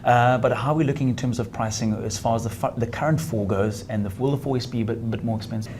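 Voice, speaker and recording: Man, South African accent, tech show host, chatty presenter, mid pitch, faint hiss. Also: steady tone, quick pace, a little mellow. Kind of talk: interview and product demo.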